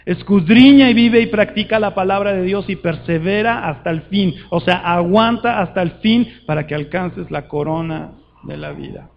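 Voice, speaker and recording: A man preaching a sermon to a conference, urgent and fervent, swinging between loud appeals and hushed words. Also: sits high, moderate pace, gravelly, hardly any pauses, dull audio, a little hiss or hum.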